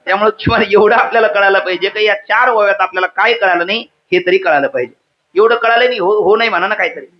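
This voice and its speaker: A man's voice: sits high, fast. A man giving a devotional kirtan sermon, quizzing the audience, reciting verses and joking with them. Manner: interactive, quizzes the audience and asks them to repeat words; humorous asides. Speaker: kirtan preacher. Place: hall with a live audience. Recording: dull lo-fi sound.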